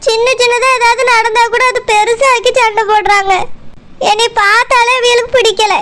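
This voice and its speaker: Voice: very high-pitched, level tone, normal speed, sharp tone. A performer voicing a young village wife who cries as she complains about her mother-in-law, in a Tirunelveli accent. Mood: tearful. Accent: Tirunelveli Tamil. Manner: complaining, aggrieved. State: crying.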